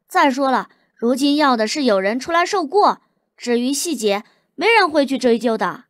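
A woman's voice: high voice, big pitch swings, normal speed, no echo, studio quality. A woman voicing a stubborn young male crown prince who stands up to his father, in an audiobook. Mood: firm. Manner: firm, defiant. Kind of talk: audiobook character voice.

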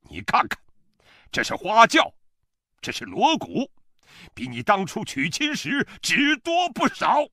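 A man reading an audiobook, voicing a stern, furious old father-in-law who barks scornful insults in a gravelly voice. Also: high voice, wildly swooping pitch, slow, pauses often, sharp tone, no echo, clean studio sound, voice pushed up, full character voice. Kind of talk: audiobook character voice.

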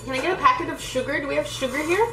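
A woman's voice: sits high, rapid-fire. A young woman hosting an eating challenge in casual chat, her mouth burning from spicy food. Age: young adult. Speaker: video host. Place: home kitchen. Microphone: camera across the table. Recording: echoey kitchen, noisy, dish clatter.

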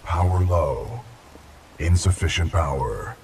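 Battered robot war machine booting up on weak power, very deep and flat, set back behind game score. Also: male voice, background noise, exaggerated voice. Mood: calm, low-powered. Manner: flat, measured machine-like reports. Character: damaged male military robot titan rebooting on low power. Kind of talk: video game voice acting. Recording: distant voice under game music.

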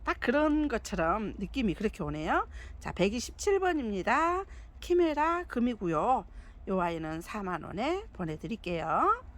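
Brief: woman, somewhat high and very lively voice, cheerful seller fussing over each plant and listing prices. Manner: chatty, doting, calls plants "아이"; counts off lot numbers and prices. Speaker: succulent seller. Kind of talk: live sales presentation.

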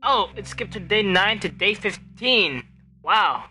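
A man's voice: sits high, expressive, takes it slowly, sharp tone, slight background noise. A man giving musing, reactive commentary while playing a video game. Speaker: let's play gamer. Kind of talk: gameplay commentary.

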